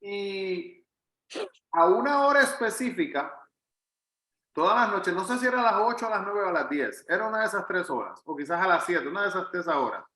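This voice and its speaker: Teaching a Bible study in an earnest, emphatic, conversational way, this pastor from Puerto Rico repeats phrases to give them weight and speaks with a Puerto Rican Spanish accent. He talks a little fast in a high, sharp, animated voice, and the rough recording has room echo.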